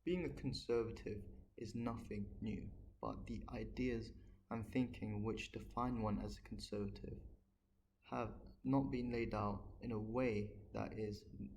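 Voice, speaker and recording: A man giving an earnest, measured political monologue, talking on his own without a script. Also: fairly low pitch, fairly even intonation, a little mellow, a little hiss or hum, poor audio. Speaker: political commentator. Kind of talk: unscripted solo monologue.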